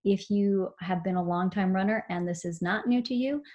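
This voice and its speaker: A woman giving a recorded seminar on mindful running, explaining calmly with frequent fillers. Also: medium pitch, normal speed, lo-fi sound. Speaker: running instructor.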